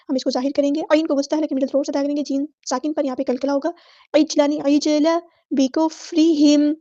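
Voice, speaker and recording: A high-voiced, mellow-sounding woman who teaches Quran recitation gives a tajweed lesson. She explains each rule briskly, then recites words slowly with long, stretched vowels, working methodically and repeating set phrases for every letter. The audio is dull, lo-fi, and dry, with no room sound.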